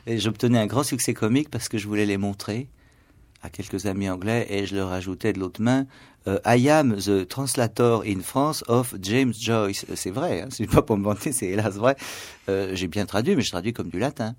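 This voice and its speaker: Fairly quick and on the low side, the voice is a male writer and translator's, heard in a radio studio interview that wanders through literary thoughts. He hesitates, uses many fillers, restarts with stammers, and trails off into near-whispered asides.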